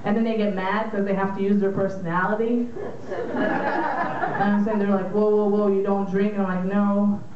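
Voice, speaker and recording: A young Israeli woman works a small bar crowd with a brash, teasing stand-up set. Her handheld mic is caught from across the room, so the sound is roomy, distant and dull. A steady hiss of noise sits under her voice. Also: medium pitch, normal speed. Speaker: stand-up comedian. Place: small dim bar or club stage, indoors. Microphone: handheld mic, filmed by a far camera. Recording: echoey room filmed from far, dull lo-fi sound, noisy.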